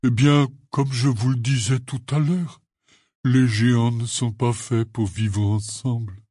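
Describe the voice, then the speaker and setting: A man reading the part of a huge, gruff but kindly half-giant gamekeeper in an audiobook, telling his tale in a rambling, earnest way. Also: medium pitch, steady tone, a little slow, mellow, no room sound, clean studio sound. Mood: rueful.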